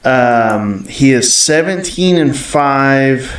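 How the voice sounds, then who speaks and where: A man's voice: medium pitch, lively intonation, very slow, recorded from a distance. A man co-hosting a podcast, giving opinionated fight picks in casual chat with frequent fillers. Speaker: podcast co-host. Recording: echoey room, off mic.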